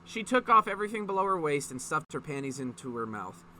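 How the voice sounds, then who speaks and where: Reading fan fiction for his online viewers, this man races along with big swings in pitch, his slightly high voice pushed and bright. The delivery is mocking and informal, broken up by sweary, can't-believe-it commentary, over a faint hiss or hum.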